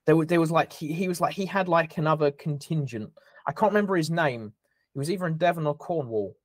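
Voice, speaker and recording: A man co-hosting a casual history podcast, talking excitedly and tripping over his words. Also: a little high, fast talker, no room sound. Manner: excitable, stumbles and repeats words. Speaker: podcast co-host.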